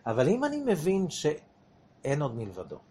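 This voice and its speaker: A man leads a lesson on the weekly Torah portion in a somewhat high, husky voice. He keeps putting rhetorical questions to his listeners and explains with lively turns. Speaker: Torah teacher.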